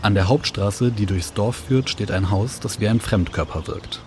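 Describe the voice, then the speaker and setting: A man narrating a radio documentary in a measured, descriptive scripted manner. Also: lowish voice, a little mellow, slight background noise.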